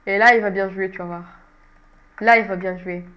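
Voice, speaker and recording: With her nose stuffed from a cold, a young gaming channel host gives casual, chatty commentary on the game she's playing, often mocking herself and laughing. Her mid-range voice moves at normal speed with fairly even intonation; the audio has the highs cut off and a little hiss or hum.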